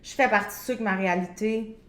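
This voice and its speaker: A woman talks casually as a podcast guest. Her voice sits at an average pitch, and the room adds clear echo around it. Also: quick pace, fairly bright tone. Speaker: podcast guest, flight attendant. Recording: echoey room sound.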